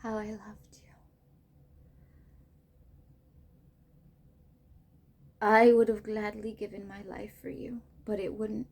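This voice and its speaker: A woman's voice: mid-range voice, level tone, normal speed, gravelly, darkish tone. A woman performing a monologue as a young mother, a former child soldier, grieving her baby, tearful and often dropping to a whisper. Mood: hushed. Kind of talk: dramatic monologue rehearsal.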